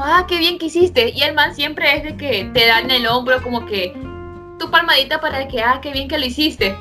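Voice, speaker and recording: Bright, high-voiced young woman telling stories. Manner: animated, laughing storyteller. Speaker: podcast co-host. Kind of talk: casual storytelling chat.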